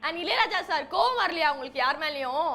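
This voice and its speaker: A woman's voice: sits high, animated, a little fast, creaky, heavy background noise. A woman co-hosting a TV prank show, chatty and playful. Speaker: show co-host.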